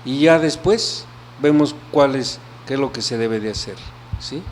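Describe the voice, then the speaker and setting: A man explains hearing problems as a guest in an interview. He talks in a patient, explanatory way at a medium pitch. A faint background noise runs under his voice. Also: a little slow. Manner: explanatory, checks in with "¿sí?". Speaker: audiologist guest. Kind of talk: interview answers.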